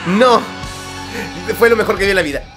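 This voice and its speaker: Speaking rapid-fire over music, this Argentine-accented baritone vocal coach eagerly breaks down a singing performance for his viewers as he reacts to it.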